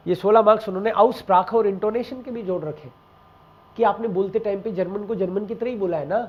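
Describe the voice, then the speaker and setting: A man with a high voice explains exam tips to a class in a relaxed, conversational way, speaking right to his students. He slips German example phrases into his talk. The recording is dull and lo-fi. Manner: mixes Hindi with German example phrases, addresses students directly. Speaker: German language teacher.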